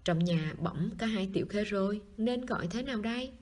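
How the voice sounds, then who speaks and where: An elderly, warm grandmother in an audiobook, read by a woman with a husky voice. She chides with fondness rather than anger. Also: mid-range voice, lively intonation, brisk, close to an everyday voice. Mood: fond.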